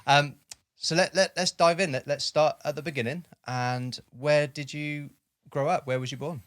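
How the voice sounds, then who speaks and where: A man's voice: on the high side, steady tone, moderate pace, fairly bright tone, no room sound, studio quality. A man hosting a podcast, talking in a friendly, chatty way with lots of fillers. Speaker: podcast host. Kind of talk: casual podcast chat.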